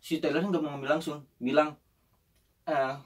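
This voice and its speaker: A young man telling an animated story in casual chat and acting out the voices of the people in it. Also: a little high, normal speed, husky, distant mic.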